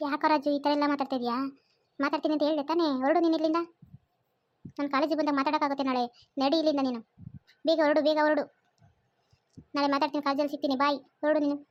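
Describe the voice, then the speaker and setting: A woman voicing a young female college student who pleads and scolds in rapid bursts. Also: sits high, flat delivery, no room sound, muffled recording, lightly acted. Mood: urgent.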